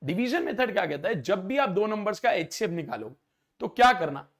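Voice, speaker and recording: High-voiced man teaching maths. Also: big pitch swings, a little fast. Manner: explains step by step, often checks if students follow. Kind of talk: exam-prep maths lecture.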